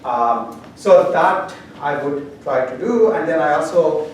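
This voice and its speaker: A man with an Indian accent and a somewhat high voice talks to his class with lots of ums and wry asides. The sound is very roomy, picked up from a camera at a distance in a lecture hall, with faint background noise. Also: animated, slow pace. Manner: rambling, many fillers, dry humor. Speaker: university professor. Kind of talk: classroom announcements.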